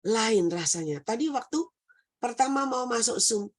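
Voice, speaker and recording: A woman preacher speaks in a slightly high, hoarse and nasal voice. She delivers her sermon over a video call with fervent repetition, building toward near-shouting. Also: animated, normal speed.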